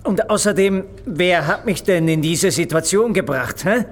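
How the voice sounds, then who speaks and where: A man playing a wry, sarcastic prisoner with his neck in a noose, in a radio play, his voice a little high. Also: normal speed. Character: dry-witted male prisoner hanging in a noose. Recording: reverberant room, faint hiss.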